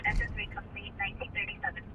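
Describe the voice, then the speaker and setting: A man's voice: high voice, level tone. A man working as a police dispatcher, heard over a scanner radio, giving terse, clipped calls in codes. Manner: clipped, rapid-fire code talk. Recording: muffled, distant scanner radio with hiss.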